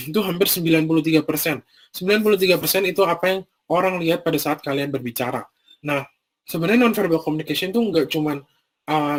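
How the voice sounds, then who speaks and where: Casual young man leading a training talk. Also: on the high side. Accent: Indonesian, Bandung. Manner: casual, explains step by step with many fillers. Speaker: youth trainer.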